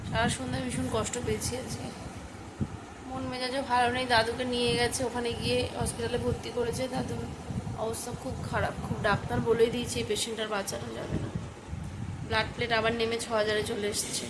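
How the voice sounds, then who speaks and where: A woman's voice: flat delivery, fairly quick. Feverish, tired woman vlogger. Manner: tired, low-key and subdued. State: feverish and worn out. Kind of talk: casual vlog narration. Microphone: phone camera. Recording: noisy home phone recording.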